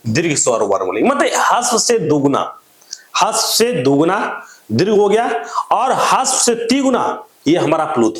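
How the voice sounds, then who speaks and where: A man teaches a grammar lesson in a lively, up-and-down voice that sits a little high. He keeps asking questions and answering them himself, going over each point again. The sound is roomy and echoey. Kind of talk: classroom-style grammar lesson. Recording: echoey room.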